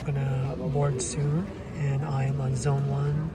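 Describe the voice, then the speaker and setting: Slow-talking man vlogging amid loud noise. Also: medium pitch, flat delivery. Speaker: traveler vlogger. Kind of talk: casual travel vlog. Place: airport and airplane cabin. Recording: loud airport and aircraft ambient noise.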